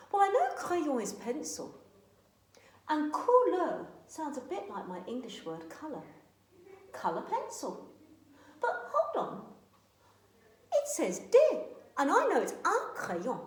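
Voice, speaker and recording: A woman teaching a children's French lesson, repeating words slowly and emphatically in a sing-song way. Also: sits high. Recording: echoey room.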